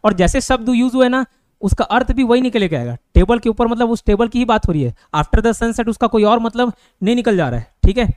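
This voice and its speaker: A man's voice: very high-pitched, lively intonation, a little mellow, no echo. A man with an Indian accent teaching an online grammar lesson. He explains step by step and keeps asking his students whether they follow. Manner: explains slowly, with many checking questions.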